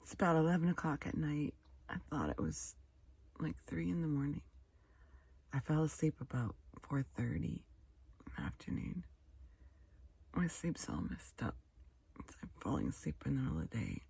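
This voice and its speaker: An American woman talks casually to her vlog while sick and congested. Her voice is raspy and full of fry. She speaks wearily and haltingly, often fading toward a near whisper. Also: deep voice, expressive, dark tone, dry recording. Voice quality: hoarse, husky, gravelly. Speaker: solo van-life vlogger. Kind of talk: rambling casual vlog to camera.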